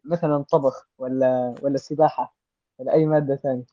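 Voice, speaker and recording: A man with a Libyan Arabic accent, hosting a casual interview and gently drawing answers out of young guests. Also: mid-range voice, little pitch movement, fast, no echo, dull audio.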